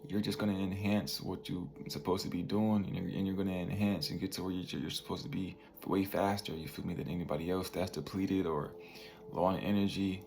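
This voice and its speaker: A young man in his twenties speaking slowly in a slightly low, gravelly voice. He talks in a loose, slang-heavy motivational monologue, tagging lines with "bro" and "you feel me". Faint room ambience sits behind him. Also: fairly even intonation, darkish tone, a little hiss or hum. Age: 20s. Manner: laid-back slang, peppers talk with "bro" and "you feel me". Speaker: vlogger.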